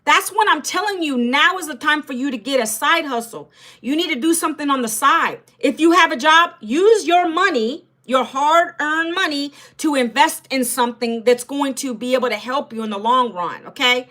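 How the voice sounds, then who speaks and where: With a high, bright voice and a forceful tone at a moderate pace, this Northern Virginia woman in her fifties chats casually on her livestream. She speaks directly to her viewers and reads out what they comment.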